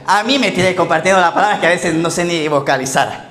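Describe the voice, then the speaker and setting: Un pastor que predica un sermón contando anécdotas, hace preguntas a la congregación y se ríe de sus propios chistes. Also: male voice, high voice, brisk, a bit bright. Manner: storytelling, asks the congregation questions, laughs at his own jokes. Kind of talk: sermon. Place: church hall. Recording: echoey church hall with faint music.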